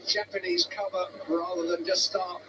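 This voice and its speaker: A man giving measured, analytical live football commentary, heard through noisy broadcast audio. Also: sits high, level tone.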